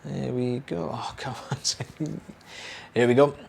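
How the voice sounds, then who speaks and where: Unhurried and medium-pitched, a young British man explains a procedure to camera as an audiologist. He's relaxed and conversational, with many fillers and repetitions, and his voice has a slight hoarseness, like it's on its way out.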